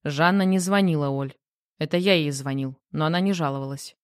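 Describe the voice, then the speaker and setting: A woman's voice: low-pitched, a little fast, dry recording, clean studio sound, lightly acted. A woman reading the part of a rattled, irritable grown man who answers curtly in an audiobook. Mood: defensive. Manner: curt, defensive replies.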